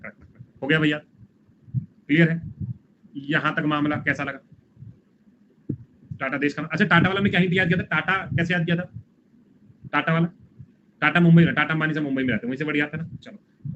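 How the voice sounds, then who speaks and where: A man teaching a live online exam-prep class, drilling quick memory tricks and coaxing his students along. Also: fairly high pitch, fairly bright tone. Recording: dull lo-fi stream audio with faint noise.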